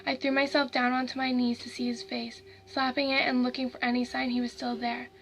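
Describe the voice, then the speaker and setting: A woman narrating a horror story in a steady, measured reading voice. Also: high-pitched, soft background music, rough recording.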